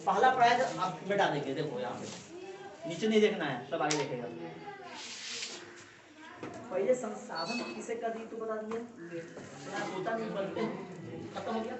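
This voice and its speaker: A woman teaching a class, lecturing and coaxing her students with quick check-in questions. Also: medium pitch. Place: echoey classroom. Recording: echoey classroom from far off.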